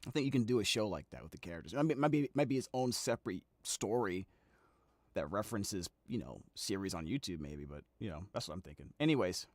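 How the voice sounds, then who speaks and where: A man's voice: on the low side, lively intonation, quick pace, no echo. A man streamer and voice actor reacting casually and incredulously to a video, rambling through his thoughts. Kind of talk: livestream reaction commentary.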